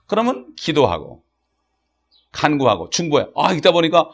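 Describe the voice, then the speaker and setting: A man's voice: on the high side, very animated, normal speed, creaky, husky. A middle-aged man preaching a sermon as a pastor, talking in a conversational way with frequent asides and acting out quoted voices and prayers.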